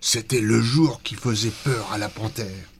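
A man narrating a children's story in an expressive, dramatic way. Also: on the low side, moderate pace, slight background noise.

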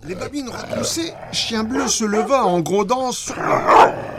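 A man narrating a children's storybook in an expressive, dramatic read-aloud manner. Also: sits high, a little slow, noisy background.

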